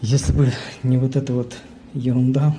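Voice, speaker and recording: A man in his thirties recording a low-key video message while lying in bed, speaking into an earphone mic. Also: flat delivery, normal speed, noisy background. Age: 30s. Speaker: contest entrant. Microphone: earphone mic, phone close up.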